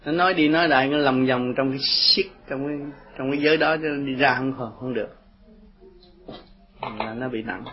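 A man's voice: mid-range voice, normal speed. An older Buddhist teacher giving a rambling, folksy talk to his followers, chuckling as he tells stories. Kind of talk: informal dharma talk with followers. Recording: dull lo-fi recording with crowd behind. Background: group of listeners.

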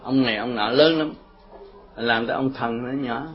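A man's voice: mid-range voice, normal speed. An older Buddhist teacher giving a rambling, folksy talk to his followers, chuckling as he tells stories. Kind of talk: informal dharma talk with followers. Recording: dull lo-fi recording with crowd behind. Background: group of listeners.

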